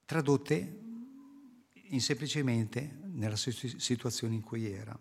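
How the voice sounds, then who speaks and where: A man's voice: medium pitch, slow, creaky, slightly rough. A man preaching a sermon to a congregation, explaining scripture earnestly and posing rhetorical questions. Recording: long hall reverb.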